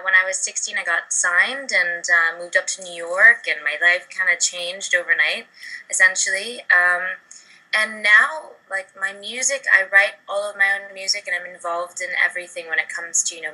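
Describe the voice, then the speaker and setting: Young female singer from Barbados, low-ish bright voice, chatty with fillers, talking over a video call. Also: fairly even intonation, moderate pace, poor audio. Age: young adult. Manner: chatty, upbeat, many fillers. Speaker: singer interviewee.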